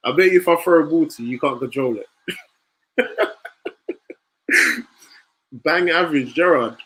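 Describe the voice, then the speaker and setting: A man's voice: a little high, normal speed, fairly bright tone. A man hosting a football watch-along stream, teasing his viewers, laughing often and reacting to the play as it happens. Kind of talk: casual live-stream chat.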